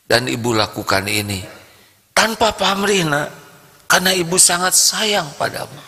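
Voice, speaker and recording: A man's voice: a little high, animated, a little slow, pushed and bright, pitched above the performer's own voice, heavily acted. A man voicing a loving mother coaxing her child sweetly and affectionately, with a long hall echo. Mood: tender.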